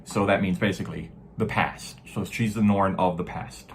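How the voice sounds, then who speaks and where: Man, low-pitched voice, informal lecturer, halting and emphatic delivery, some background noise. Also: fairly even intonation, creaky. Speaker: lecturer on Norse mythology. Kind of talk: informal explanatory lecture with read-aloud verse.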